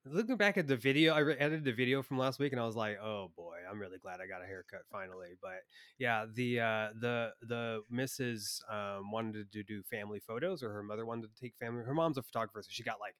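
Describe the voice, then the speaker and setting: A man's voice: medium pitch, fairly quick, a bit bright, clear, resonant tone, dry recording. A man co-hosting a podcast in casual chat, telling loose stories with fillers and laughs, on a video call. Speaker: podcast co-host.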